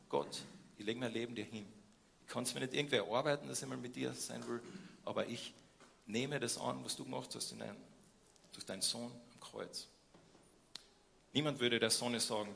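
A young man preaches a sermon, swinging from loud questions to quiet emphasis and hesitating often. His mid-range voice has vocal fry, with a little hiss or hum in the recording.

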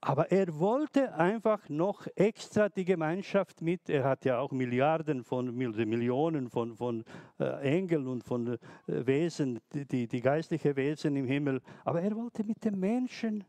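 Non-native guy preaching, kinda high voice, slow and stumbly, dry close sound. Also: mellow, dry recording. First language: not German. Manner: slow, halting, with many restarts and hesitations. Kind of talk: sermon.

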